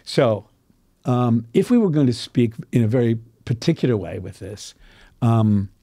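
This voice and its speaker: A man speaking as a dialect coach guest, explaining casually in a halting, thoughtful way. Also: mid-range voice, expressive, creaky, warm tone, no room sound, studio quality.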